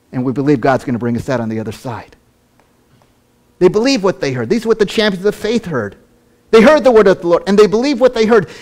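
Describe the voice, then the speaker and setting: A middle-aged man pastor preaching a sermon, emphatic and repetitive, swinging between loud rousing lines and soft quiet ones. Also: a little high.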